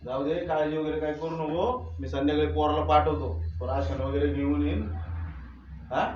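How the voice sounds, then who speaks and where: Man as a fatherly patron comforting someone, slightly high voice, dull boomy recording. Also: little pitch movement, normal speed, darkish tone, a little hiss or hum, close to an everyday voice. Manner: soothing, repeats words, fatherly. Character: kindly male local boss consoling a grieving girl. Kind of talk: amateur short film acting. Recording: very echoey room, far dull mic.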